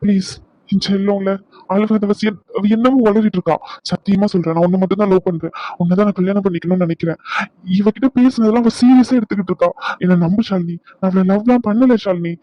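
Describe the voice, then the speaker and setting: A man's voice: high voice, fast talker, dry recording, highs cut off, natural voice. A man voicing a young husband in a cartoon drama, coaxing and pleading with his wife.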